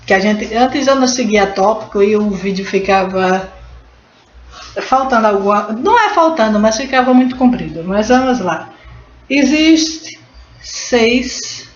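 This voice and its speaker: A woman's voice: mid-range voice, expressive, a little slow. A Brazilian woman teaching Portuguese in a casual video lesson, talking in a chatty way and stopping to explain and fix words as she goes. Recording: roomy, dull and slightly noisy.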